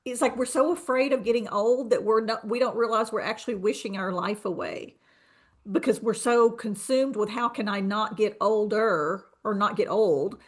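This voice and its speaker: A woman's voice: medium pitch, moderate pace. Earnest woman co-host thinking aloud. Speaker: podcast co-host. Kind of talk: reflective conversation.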